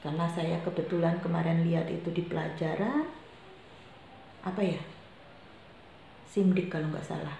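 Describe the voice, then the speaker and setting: A woman's voice: fairly low pitch, fairly even intonation, moderate pace, vocal fry, long pauses, mellow. A woman homeroom teacher giving her students a firm briefing, repeating her reminders. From Indonesia. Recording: very echoey room with faint noise.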